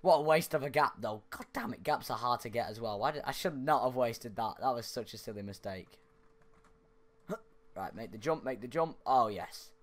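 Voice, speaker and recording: A man's voice: mid-range voice, normal speed. A young man giving chatty gameplay commentary into a desk microphone, yelping and laughing when things go wrong. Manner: chatty, yelps and laughs at mishaps. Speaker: gaming YouTuber. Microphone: desk microphone spoken into closely.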